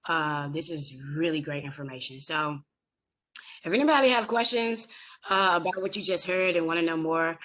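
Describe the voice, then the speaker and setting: A woman hosting a virtual veterans roundtable, conversational and a little halting, often stumbling over names and titles. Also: sits low, animated, a bit bright. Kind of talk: virtual meeting moderation.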